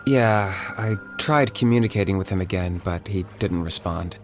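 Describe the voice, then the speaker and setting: An actor voicing a calm, reserved young warrior in a video game, speaking in a measured, dry way. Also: male voice, low voice. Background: game music.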